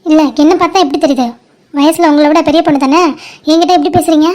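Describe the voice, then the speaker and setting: An arrogant, bossy young woman from a homemade cartoon who barks orders and sneers at everyone, voiced by a woman. The voice sits high for a woman and carries a sharp, contemptuous edge throughout. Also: steady tone, fast, natural voice. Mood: haughty. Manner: scolding, sneering. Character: scheming haughty young woman, rude and bossy. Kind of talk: animated cartoon voice acting.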